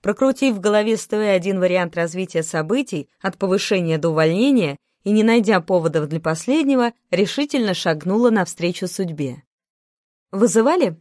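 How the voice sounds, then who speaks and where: A woman's voice: lowish voice, animated, a little fast, few pauses, a little mellow, dry recording, clean studio sound. A woman narrating a first-person story in an ironic storytelling manner. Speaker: audiobook narrator.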